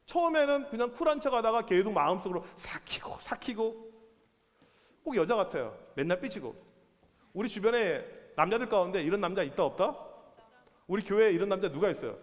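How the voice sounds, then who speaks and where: A youth pastor preaching in a church hall, high-voiced and lively, swinging his pitch up and down as he acts out people. A long reverb follows his voice around the room. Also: a little fast. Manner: animated, playful, acts out characters. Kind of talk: sermon.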